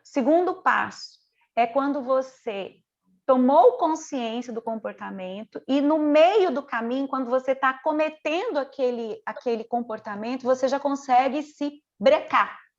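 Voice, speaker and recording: High-voiced woman mentoring online. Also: unhurried, lo-fi sound. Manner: earnest, conversational, piles up rhetorical questions. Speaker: mentor teaching a group.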